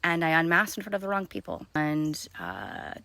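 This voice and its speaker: Woman, low voice, gravelly, rambling casual vlog talk, soft and half-whispered, outdoors. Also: big pitch swings, moderate pace, dry recording. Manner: rambling and filler-heavy. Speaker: vlogger. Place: outdoors in the woods.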